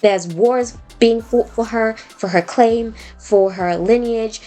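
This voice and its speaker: A woman hosting a podcast, recapping and critiquing a TV episode in a chatty, opinionated way, full of fillers and quick acted-out quotes. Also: on the high side, dark tone, faint music behind. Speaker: podcast host. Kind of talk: casual TV recap and commentary.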